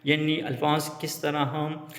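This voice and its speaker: Man, grammar lesson, higher pitch, reverberant room. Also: monotone, measured pace, a bit bright. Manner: explains terms then restates them. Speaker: English teacher. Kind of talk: explanatory lesson.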